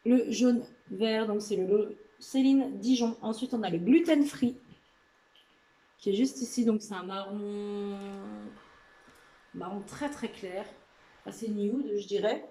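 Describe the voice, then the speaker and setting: A woman's voice: medium pitch, takes it slowly, long pauses, warm tone, reverberant, low-quality recording. A woman vlogging casually about a nail polish haul, chatty and gushing, with lots of filler words. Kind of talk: casual product haul video. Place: indoor room with a lamp.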